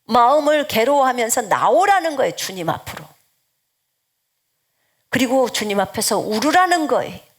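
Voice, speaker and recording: A woman's voice: a little high, sing-song, moderate pace, pauses often. A woman missionary preaching an earnest sermon, exhorting her listeners and often dropping into a whisper.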